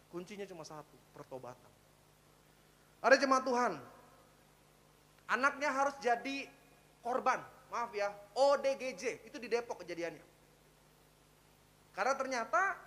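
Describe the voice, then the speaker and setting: A male pastor preaches in a loose, conversational style, full of slang and stray English words. He swings from loud cries down to hushed, low tones as he drives his point home. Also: in a large hall. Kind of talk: sermon. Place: church service, livestreamed.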